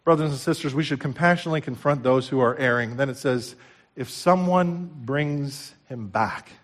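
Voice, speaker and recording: A man preaching a sermon in an emphatic, exhorting manner with repeated phrases, swinging between quiet asides and loud exclamations. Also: medium pitch, normal speed.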